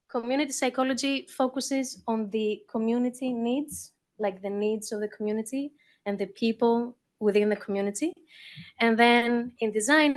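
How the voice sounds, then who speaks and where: A Greek woman with a Greek accent gives a conversational talk at a conference, speaking into a handheld or lectern mic in a conference hall, using fillers and restarts. Her voice is slightly high and the recording sounds dry.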